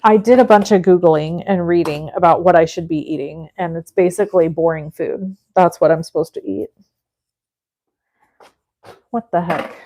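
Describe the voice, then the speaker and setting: A woman's voice: on the low side, fairly even intonation, moderate pace, mellow. A woman in her forties hosting a live crafting stream, chatting casually with viewers and thinking aloud as she works. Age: 40s. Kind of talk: casual chat while crafting.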